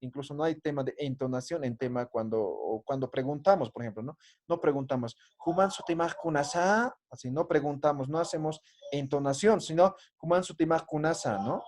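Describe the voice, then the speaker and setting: A man's voice: mid-range voice, brisk, a little mellow. A man teaching an online language class, patiently drilling greetings and often ending phrases with a questioning "¿no?".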